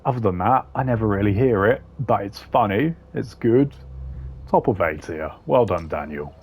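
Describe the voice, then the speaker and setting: He has a husky voice on the low side, with lively intonation and normal speed. This gaming video creator delivers casual, opinionated, blunt commentary packed with slang as he ranks game voice lines.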